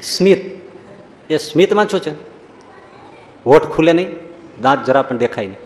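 Animated storytelling man in a reverberant hall. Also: a little high, moderate pace, slight background noise. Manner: storytelling, animated, acts out quoted voices. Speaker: preacher. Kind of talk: humorous religious discourse with anecdotes.

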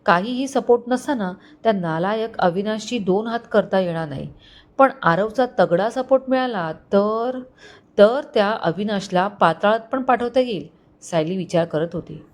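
A woman storyteller reading a dramatic family story in an expressive narration. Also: mid-range voice, normal speed.

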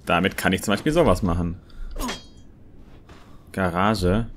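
A young man quietly commenting as he plays a horror game, hesitant and thinking aloud. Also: low voice, lively intonation, measured pace, background noise. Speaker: let's player. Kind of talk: gameplay commentary.

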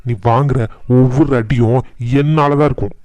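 A man plays a resentful young cartoon son who talks back with sneering spite. His voice is medium in pitch. It is recorded dry and close. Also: fairly even intonation, normal speed, darkish tone, no room sound, close to an everyday voice. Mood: defiant. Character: defiant resentful young adult son, bitter troublemaker.

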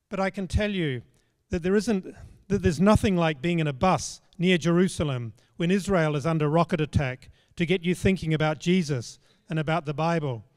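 An older Australian man with a slightly high voice delivers a sermon from a large church stage, speaking into a handheld microphone. His manner is measured and plain-spoken, with a storytelling feel.

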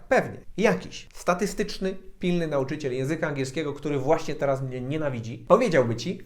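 A man giving a casual video lesson to camera as an English teacher, joking and talking straight to the viewer. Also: fairly high pitch. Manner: joking, addresses the viewer directly.

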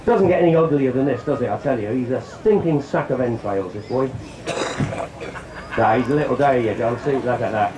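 A man's voice: mid-range voice, fairly quick, reverberant, background noise. Chatty man demonstrating outdoors. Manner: jokey, chatty, addresses crowd directly. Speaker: shooting demonstrator. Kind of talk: outdoor live demonstration talk. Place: outdoor country show, on a stand.

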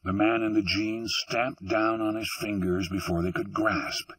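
Guy reading an audiobook, low husky voice, slow and deliberate, sounds kinda far off and dry. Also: steady tone, fairly bright tone, no echo. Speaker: audiobook narrator. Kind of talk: scripted narration.

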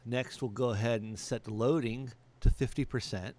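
A middle-aged amateur radio operator walks through a demonstration step by step in a plain, matter-of-fact way. His mid-range voice is slightly mellow, with fairly even intonation and a moderate pace. Background noise is clearly audible in the recording.

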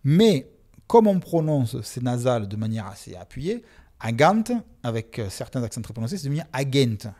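A man with a Marseille accent, a sociolinguist guest, explaining pronunciation in a lively, expressive way and voicing examples aloud. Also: medium pitch, a little fast. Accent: Marseille French. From Marseille, France. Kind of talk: casual explanatory interview.

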